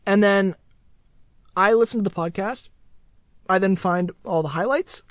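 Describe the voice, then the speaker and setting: A man's voice: high-pitched, a little slow, no echo, clean studio sound. A man co-hosting a podcast, chatting casually and joking, often repeating himself. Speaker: podcast co-host.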